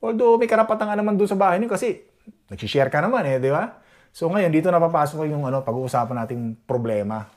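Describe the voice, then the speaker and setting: A man's voice: a little high, animated, fast, a little mellow. A man from the Philippines, a vlogger, chatting casually to his viewers and often asking "di ba?" to check they agree. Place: Edmonton, Canada.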